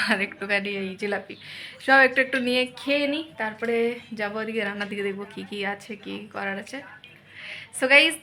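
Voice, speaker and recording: A woman's voice: mid-range voice, sharp tone, slight background noise. A woman with a Bengali accent chatting through her day at home as a vlogger, giving running commentary on kitchen chores. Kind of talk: casual home vlog narration.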